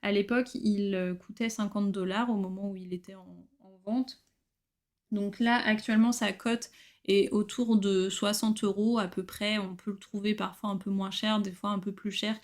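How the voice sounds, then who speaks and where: A woman showing her new books in a casual vlog, chatty and relaxed, with frequent hesitations. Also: medium pitch. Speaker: book collector vlogger. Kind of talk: casual book haul chat.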